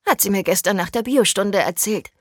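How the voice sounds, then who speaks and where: A woman voicing a cheeky, loud teenage schoolgirl with excitable outbursts in an audiobook. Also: fairly quick, breathy edge, dry recording, clean studio sound, natural voice. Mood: teasing. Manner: excitable, shrill outbursts, ironic. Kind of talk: audiobook character voice.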